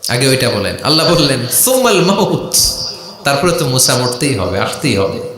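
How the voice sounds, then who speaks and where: A man preaching a sermon, telling stories dramatically, swinging from loud wailing to low murmurs and calling on the crowd to answer. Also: expressive, a little fast, reverberant. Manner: dramatic storytelling, rising to loud wails and dropping low; calls on the crowd to respond. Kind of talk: Bengali waz sermon.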